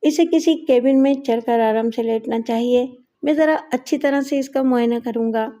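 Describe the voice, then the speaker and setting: A woman voicing a male doctor who speaks calmly and matter-of-factly. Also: high voice, lightly acted. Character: calm male train doctor.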